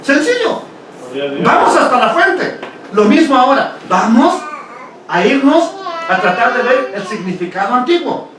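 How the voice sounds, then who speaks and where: A man's voice: very high-pitched, big pitch swings, a little slow. A man gives a conversational Bible study lecture to his congregation, often posing rhetorical questions and checking in with "ok?". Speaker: congregation teacher. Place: congregation meeting hall. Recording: very echoey hall from far off, faint hiss.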